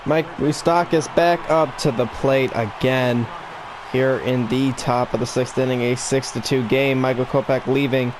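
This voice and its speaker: A man with the hiccups narrates a baseball video game in a mock broadcaster voice, building excitement on the big plays. His pitch sits in an ordinary middle range. A faint hum of background noise lies under the recording. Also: unhurried, crowd noise. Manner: broadcaster-style play-by-play delivery, rising excitement on big plays. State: has the hiccups. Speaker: gaming YouTuber.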